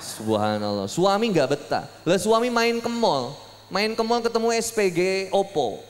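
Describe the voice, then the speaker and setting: A young man delivers a sermon in a lively, joking storytelling way. His voice sits high for a man. It rings out with a long echo through a big hall. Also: moderate pace, a little hiss or hum. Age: young adult. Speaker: preacher. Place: public hall gathering.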